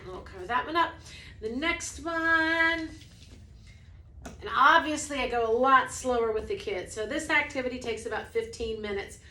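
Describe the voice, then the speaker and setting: With a sharp tone, some reverb and slight background noise, a woman who teaches music to preschoolers walks through a lesson in a relaxed way. She breaks into brief sung examples before chatting again, noting that her voice is low.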